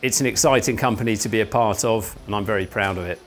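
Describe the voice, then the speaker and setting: A man, a company founder walking viewers through his offices and factory, explaining things in a measured way with frequent "uh" fillers. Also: on the low side. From England. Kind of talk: guided walking tour presentation. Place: large indoor offices and factory floor. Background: faint music.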